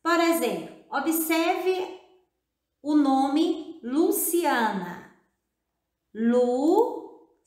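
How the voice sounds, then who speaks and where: A woman teacher giving a video lesson to children, speaking in a slow, drawn-out, encouraging way and repeating words syllable by syllable. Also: a little high, expressive. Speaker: primary school teacher. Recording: echoey room.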